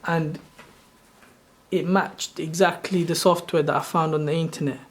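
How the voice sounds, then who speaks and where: At normal speed, this Sri Lankan man in his thirties hosts his channel and guides viewers through a screen tutorial. His voice is a bit high for a man and monotone, and his explanation drifts off track with frequent mid-sentence self-corrections, sounding unscripted.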